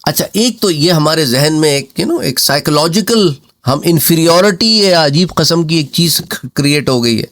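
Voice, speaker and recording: Guy lecturing on religion, bit high voice, explains slow with examples. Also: expressive, fairly bright tone, no room sound. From Pakistan. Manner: explains patiently with examples, drawn-out recitation. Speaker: Islamic scholar and teacher.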